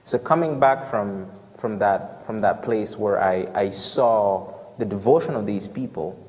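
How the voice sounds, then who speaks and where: Halting Ghanaian man giving testimony. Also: on the low side, darkish tone, in a large hall. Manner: halting, earnest, many restarts and fillers. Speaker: church member giving a mission trip report. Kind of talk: personal testimony in a church Q&A. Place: church hall.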